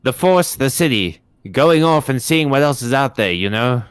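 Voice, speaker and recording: A man's voice: medium pitch, animated, moderate pace, smooth, natural voice. Guy doing a goofy joking city cop, voice bouncing all over, sarcastic.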